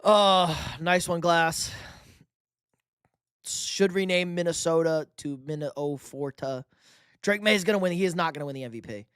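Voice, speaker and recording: Reading questions from chat, this young New York man runs a live sports stream and banters loosely, swearing casually. He talks at a normal speed in a fairly high, fairly bright, clean voice, recorded dry at studio quality.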